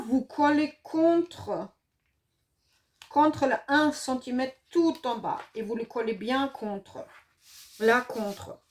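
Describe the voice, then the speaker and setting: A middle-aged woman with a regional French accent demonstrates a papercraft project in a relaxed, chatty way. She hesitates often, filling her sentences with little pauses. Her voice sits at an ordinary pitch for a woman. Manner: chatty, hesitant, many fillers. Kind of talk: casual craft tutorial.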